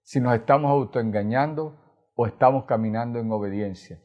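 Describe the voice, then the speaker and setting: A man's voice: medium pitch, normal speed, a little mellow, highs cut off. A man from Colombia with a Colombian Caribbean accent, preaching a sermon as pastor, earnestly retelling scripture with tag questions. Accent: Colombian Caribbean Spanish.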